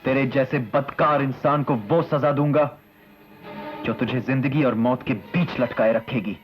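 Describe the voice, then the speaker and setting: An actor playing a stern, righteous police inspector in a 1980s Hindi film, with a forceful, declamatory delivery. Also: male voice, mid-range voice, unhurried, lightly acted. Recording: dull old film soundtrack with music.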